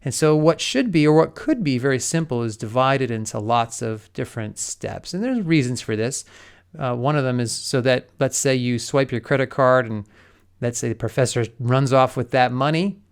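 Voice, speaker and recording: Man lecturing with a gravelly, resonant voice. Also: mid-range voice, animated, normal speed. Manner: conversational, addresses listener directly with everyday examples. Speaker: college lecturer. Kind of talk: recorded explanatory lecture.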